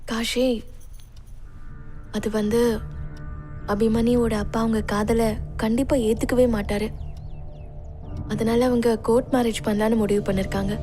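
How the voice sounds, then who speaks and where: A woman's voice: on the high side, little pitch movement, unhurried, pauses often, dark tone, lightly acted. A woman voices a concerned, earnest friend who speaks in a somewhat raised voice. Faint film music sits under this dubbed dialogue. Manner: earnest, urging. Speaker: dubbing actor.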